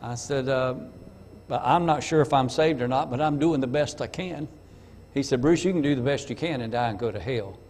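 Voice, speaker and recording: A man's voice: medium pitch, brisk, a little mellow. A middle-aged man from North Carolina preaching a testimony sermon in a church, telling his story and acting out the dialogue. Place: church sanctuary. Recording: long church reverb, faint room noise.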